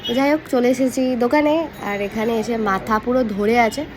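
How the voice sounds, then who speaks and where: Chatty high-voiced woman vlogging. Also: fast talker, background noise. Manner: chatty, talks straight to viewers. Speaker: mother vlogger. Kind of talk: casual vlog narration.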